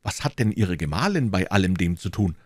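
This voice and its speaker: A man voicing a bold, quick-tempered young swordsman in an audiobook, brash and exclaiming. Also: sits low, sing-song, a little mellow, no room sound, studio quality. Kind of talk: audiobook reading.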